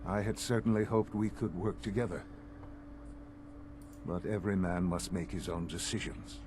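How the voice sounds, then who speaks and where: Male actor as a calm, menacing villain leader; low voice, measured lines, steady hum under the game audio. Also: natural voice. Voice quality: measured, composed delivery with veiled threat. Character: calm, coldly menacing man ruling a secret institute. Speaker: leader of a secretive scientific group in a game.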